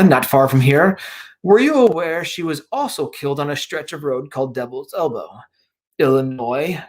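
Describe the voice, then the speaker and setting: A man reading aloud, voicing a mysterious male stranger who speaks slowly and insinuatingly in a horror story. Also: on the high side, natural voice. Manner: slow, drawn-out, hissing delivery.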